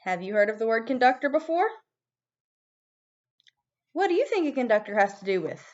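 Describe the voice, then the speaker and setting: A woman giving a video music lesson to young children as their teacher, animated and prompting them with questions. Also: fairly high pitch, brisk, muffled recording.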